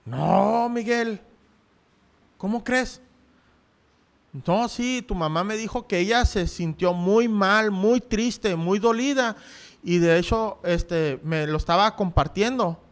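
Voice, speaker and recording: A man's voice: high-pitched, slow. A male pastor preaching a sermon, telling a personal story and acting out the voices of the people in it. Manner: storytelling, acting out quoted voices, rising to shouts.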